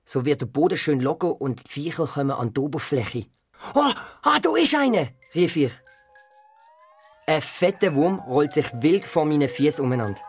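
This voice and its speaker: A storyteller with a Swiss German accent narrating a children's audio story in the first person as a young boy, with frequent jumps in pitch. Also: normal speed, darkish tone, husky, no room sound, faint music behind.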